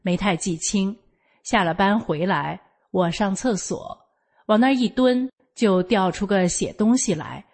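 Older woman with a Northeastern Mandarin accent. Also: medium pitch. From Northeast China. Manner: homely, matter-of-fact telling with lively local expressions. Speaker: storyteller sharing a personal account. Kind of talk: first-person storytelling.

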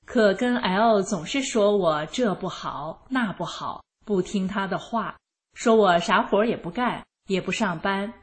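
A woman narrating her own life story in the first person, in a calm and even manner. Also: medium pitch, measured pace. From rural China.

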